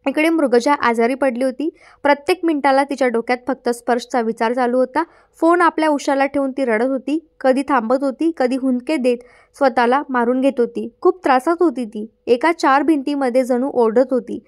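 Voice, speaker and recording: A woman's voice: high-pitched, fairly quick. A young woman narrating an audiobook, emotional storytelling with small slips and restarts. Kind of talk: scripted narration.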